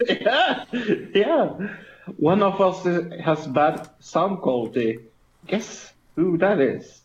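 A man's voice: high-pitched, sing-song, takes it slowly, muffled recording, a little hiss or hum. A man co-hosting a podcast in casual chat from a hospital room, with a laid-back delivery and lots of fillers, his voice sounding like it is in a cave. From Norway. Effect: cave-like echo. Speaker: podcast co-host.

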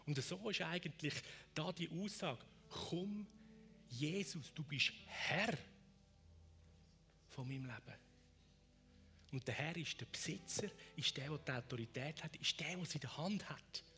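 A man preaching a sermon, moving between fervent raised appeals and hushed whispered prayers. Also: fairly high pitch, lively intonation, normal speed, faint music behind. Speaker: pastor.

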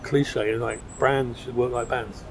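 A man's voice: medium pitch, steady tone, takes it slowly, creaky, background noise. A middle-aged man with a South London accent, talking in a casual, discursive, informal way as an interview guest. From South London, England. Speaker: podcast guest, designer. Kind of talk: casual pub interview chat. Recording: busy crowd chatter behind.

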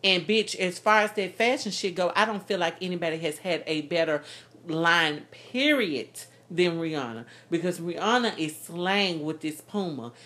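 A woman's voice: on the low side, moderate pace, fairly bright tone. A woman co-hosting a podcast, giving blunt, profane opinions in casual chat about music. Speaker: podcast co-host.

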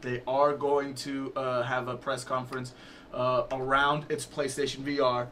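A man's voice: mid-range voice, flat delivery, unhurried, bright, forceful tone, slight background noise. A man co-hosting a casual gaming podcast, steering the talk loosely with lots of fillers. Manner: loose and chatty, leads topics with many fillers. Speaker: podcast co-host.

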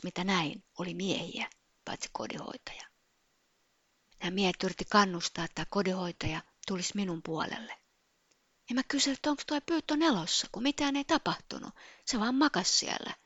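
A woman telling a personal story in a soft, often half-whispered way. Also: fairly low pitch, no room sound, muffled recording.

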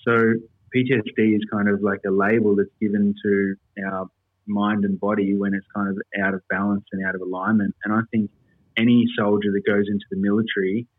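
The voice is husky, lowish, and level, moving a little fast, from an Australian army veteran joining an interview remotely. His accent is Australian, his explanations are earnest, and the dry recording comes through as dull, lo-fi call audio.

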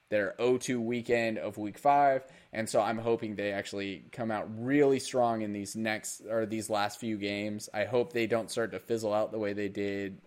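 A young man co-hosting a casual esports podcast, animated and joking. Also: lowish voice. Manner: animated, joking, goofy put-on voices. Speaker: podcast co-host.

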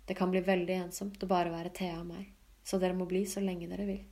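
A woman reading the lines of a lonely middle-aged mother in a soft, confiding, wistful way. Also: fairly low pitch, little pitch movement, close to an everyday voice.

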